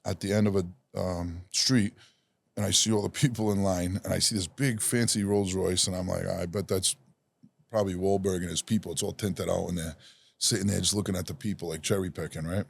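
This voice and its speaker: A man from Rhode Island, a podcast guest, casually telling a long personal story in an animated, self-deprecating way and acting out the voices of the people in it. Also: low voice, fairly quick, gravelly, breathy edge. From Rhode Island, USA.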